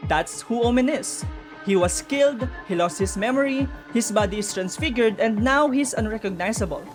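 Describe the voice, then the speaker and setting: A woman's fairly high voice, lively in intonation and moderate in pace, carries an informal explainer on game lore. She speculates and chats straight to viewers while music plays underneath.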